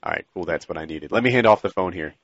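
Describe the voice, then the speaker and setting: A man chatting casually as the host of a live stream, with muffled low-fidelity audio. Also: quick pace, a bit bright, dry recording. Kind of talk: casual chat.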